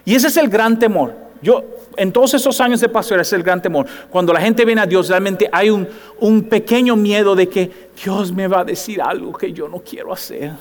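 A male pastor preaching a sermon in lively, conversational Spanish, often asking the congregation if they follow him. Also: high voice, normal speed, in a large hall. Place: church sanctuary.

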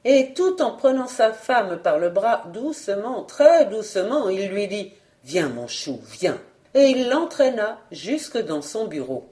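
Woman storyteller, mellow voice, lively pitch, expressive narration. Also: measured pace, few pauses. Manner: expressive, animated reading. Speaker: audiobook reader.

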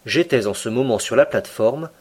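Man, audiobook narrator, measured literary reading, mid-pitched voice. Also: lively intonation, darkish tone, husky.

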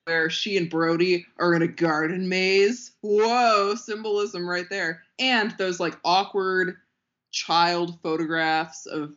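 A woman co-hosting a casual podcast, opinionated and quick to laugh. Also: on the low side, steady tone, fairly bright tone, lo-fi sound. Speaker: podcast co-host.

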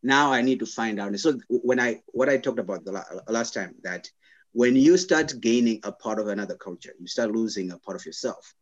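A young man from Zimbabwe, a guest in an interview, speaking thoughtfully and haltingly with many restarts and fillers. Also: lowish voice, muffled recording. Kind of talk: conversational interview.

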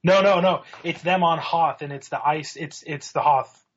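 A man's voice: a little high, fairly even intonation, moderate pace, highs cut off. A man co-hosting a podcast, chatting casually and steering the talk with questions. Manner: conversational, leads the discussion with questions. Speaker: podcast co-host. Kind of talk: casual chat. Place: home in Los Angeles.

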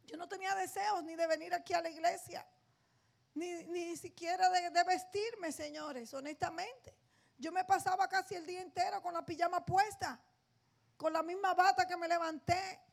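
Very high-voiced woman preaching. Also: fairly even intonation, normal speed, gravelly. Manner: emphatic, addresses the congregation directly. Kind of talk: sermon. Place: church.

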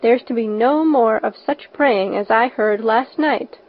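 Woman playing a stern, no-nonsense older guardian woman. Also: on the high side. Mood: stern, commanding. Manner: firm, brisk, matter-of-fact. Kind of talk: audiobook character voice. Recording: slightly dull lo-fi recording.

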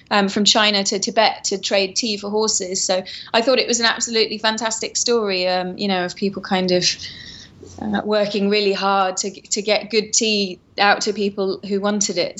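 Woman, Home Counties English accent, mid-pitched, casual interview guest, explanatory, hedging, dull lo-fi audio. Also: a bit bright. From Surrey, England. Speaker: interview guest, tea company founder.

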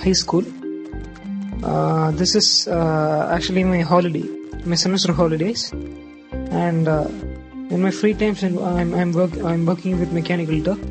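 A teenage man from Tamil Nadu, India, answering questions hesitantly, with pauses and restarts. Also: high-pitched, flat delivery, music in the background. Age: teens.

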